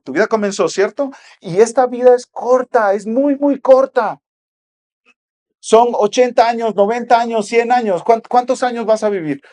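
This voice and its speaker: High-voiced, emphatic male preacher. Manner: emphatic, repeats rhetorical questions, swings from loud to hushed. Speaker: pastor. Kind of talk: sermon.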